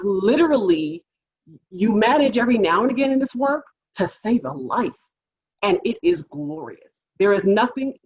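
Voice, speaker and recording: Woman lawyer telling a story on a panel, husky voice, kinda muffled recording. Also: mid-range voice. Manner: animated storytelling with acted quotes. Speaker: public defender.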